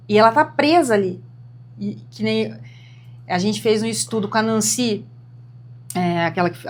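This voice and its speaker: A young woman co-hosting a podcast, chatting casually and earnestly, getting animated as she tells personal stories. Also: mid-range voice, a little hiss or hum. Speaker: podcast co-host. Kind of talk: casual chat.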